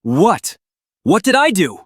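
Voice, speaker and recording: Male film role, acted: confused, protesting stranger, very animated, slightly high voice. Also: measured pace, slightly rough, no room sound, studio quality, exaggerated voice. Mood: confused, alarmed. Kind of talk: dramatic film dialogue.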